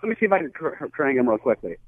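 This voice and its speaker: Calling in over a tinny phone line, a man who co-hosts a morning radio show chats in a friendly way, with a few stammered restarts. His mid-range voice is sing-song and racing, with no echo.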